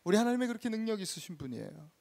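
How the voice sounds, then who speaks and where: A male pastor giving an animated storytelling sermon in a church, acting out the scenes he tells. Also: high-pitched, racing, creaky. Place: church sanctuary.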